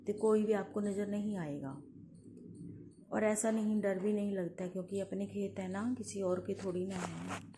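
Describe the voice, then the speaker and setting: Chatty woman vlogging outdoors, flat voice. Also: mid-range voice, background noise. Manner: chatty, meandering, pointing things out. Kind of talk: casual walking vlog narration. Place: outdoors among village fields.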